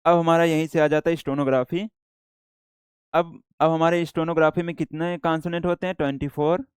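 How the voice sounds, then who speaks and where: A man with an Indian accent teaching a shorthand class, explaining slowly and repeating himself, mixing English words into Hindi. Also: fairly high pitch, level tone, clear, resonant tone, dry recording. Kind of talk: classroom lecture.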